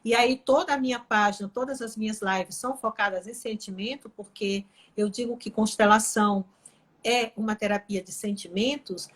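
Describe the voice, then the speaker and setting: A woman's voice: medium pitch, fairly even intonation, normal speed. A middle-aged woman from Pará, Brazil, a guest on a live chat, talking earnestly about training her own voice. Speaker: guest, court employee and therapist. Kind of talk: casual chat on an online live.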